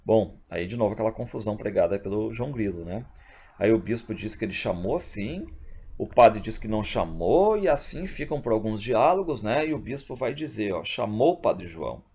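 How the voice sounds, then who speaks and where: Guy teacher going over a play, husky gravelly voice, lo-fi dull sound. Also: on the low side, moderate pace. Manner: reads out the characters' lines with lively voices. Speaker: literature teacher. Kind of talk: video lesson retelling a play. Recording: dull, lo-fi recording.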